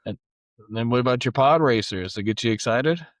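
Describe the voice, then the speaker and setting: A young man co-hosting a casual gaming podcast, talking in an excitable, slangy way and cursing casually. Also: medium pitch, fairly quick, no room sound. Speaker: podcast co-host.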